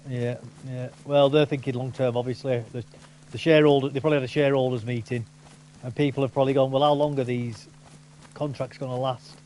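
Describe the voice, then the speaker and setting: Chatting casually with a friend over gameplay, a man talks a little fast in a medium-pitched, darkish voice with fairly even intonation. He rambles, voices strong opinions and restarts often. The recording is low quality with slight background noise.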